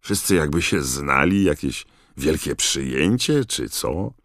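A man's voice: very deep voice, big pitch swings, slow, fairly bright tone, no echo, clean studio sound, voice pushed up, heavily acted. A man voicing a suspicious, weary middle-aged campsite owner who talks in wary, musing questions.

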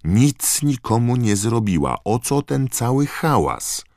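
A man's voice: mid-range voice, sing-song, slow, creaky, darkish tone, no echo, clean studio sound, pitched above the performer's own voice, exaggerated voice. A man voicing a clever, indignant teenage girl who lectures and insists, in an audiobook.

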